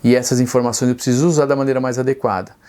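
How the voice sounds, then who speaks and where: A man's voice: mid-range voice, steady tone, racing, dark tone, clean tone. A middle-aged man teaching speed reading straight to camera, earnest and persuasive, asking rhetorical questions and answering them himself.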